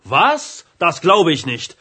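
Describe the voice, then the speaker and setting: An agitated hotel guest in a language-course radio drama, indignant and worked up. His voice sits fairly high and leaps wildly in pitch, with a husky edge. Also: huge pitch swings, slow, sharp tone, exaggerated voice. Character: angry, indignant male hotel guest, adult.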